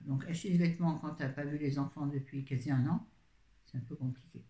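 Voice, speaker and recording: A woman's voice: sits low, steady tone, fairly quick, dark tone. Chatty rambling older woman, echoey room. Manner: chatty, rambling, easily sidetracked. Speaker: book reviewer. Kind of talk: casual live video chat. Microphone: phone.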